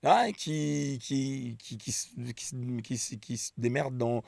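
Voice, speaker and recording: A man hosting a radio interview, animated and excitable, who stammers his way into his questions. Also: mid-range voice, measured pace, gravelly, no echo, studio quality. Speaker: radio host. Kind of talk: conversational interview.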